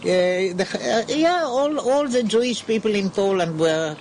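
Slow, halting older woman from Israel. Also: medium pitch, lively intonation, darkish tone, a little hiss or hum. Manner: halting, searching for English words. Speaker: interview guest. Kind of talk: unscripted recollection.

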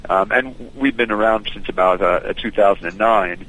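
A man's voice: on the low side, moderate pace, fairly bright tone, rough recording. A man heard over a landline phone, a company founder giving a radio interview in a fluent, businesslike way with frequent fillers. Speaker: company founder and CEO, guest. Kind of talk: radio interview guest explaining his service.

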